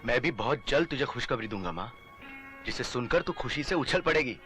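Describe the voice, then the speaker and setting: A man's voice: mid-range voice, animated, fairly quick, over music, natural voice. An actor playing a friendly young police officer who speaks playfully and tenderly about his love.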